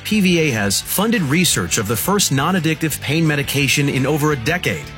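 Man, charity ad announcer, animated intonation, scripted read, faint music bed. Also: on the high side. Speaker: commercial announcer.

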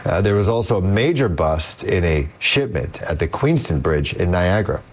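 Man, news anchor, very deep voice, live breaking-news read. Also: expressive, moderate pace.

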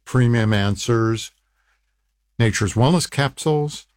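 An older man hosting a nutrition talk program, pitching supplements in an emphatic sales manner and reading listener testimonials aloud. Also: slow, dry recording, clean studio sound. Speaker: nutrition radio host. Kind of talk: promotional health talk.

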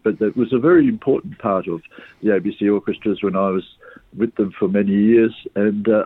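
Older guy from sri lanka talking down a tinny phone line, husky, lots of uh's and restarts. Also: mid-range voice, dry recording. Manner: halting, many uh's and restarts. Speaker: orchestra conductor. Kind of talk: radio interview, answering questions.

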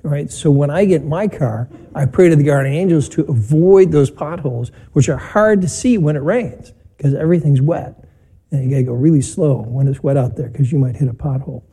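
A priest speaks into a pulpit microphone in a church, his voice mellow and warm but pitched a little high. He is measured and plain-spoken, with a touch of gentle humor, as he preaches and leads the spoken prayers of the Mass. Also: slightly rough. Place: church during a broadcast Mass.

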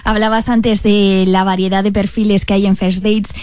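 A woman's voice: mid-range voice, flat delivery, normal speed, a little mellow, smooth, no echo. A woman radio host asking a guest questions in an engaged way. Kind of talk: interview questions.

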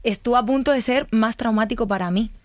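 A woman's voice: a little high, fast talker, no room sound, clean studio sound. A woman psychologist on a talk show, openly recounting her own experiences. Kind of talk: personal story in a talk show.

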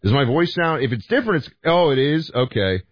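An American man hosting a talk radio show, thinking aloud in halting commentary, his throat hoarse and scratchy from talking late. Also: mid-range voice, expressive. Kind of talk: conversational political commentary with listener calls. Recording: roomy echo, slightly dull audio.

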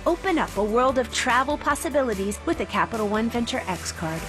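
A woman's voice: fairly high pitch, lively intonation, moderate pace, music in the background. Polished female ad announcer. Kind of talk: scripted ad read.

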